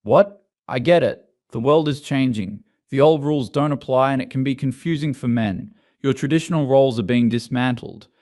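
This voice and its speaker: A man's voice: medium pitch, normal speed, a little mellow, natural voice. A man voicing a self-assured young female student who talks in an earnest, lecturing way.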